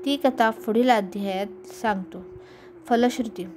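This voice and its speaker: A woman reading a devotional scripture aloud in a steady, recitative manner, in a noisy home recording. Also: fairly high pitch, a little slow. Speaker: scripture reader.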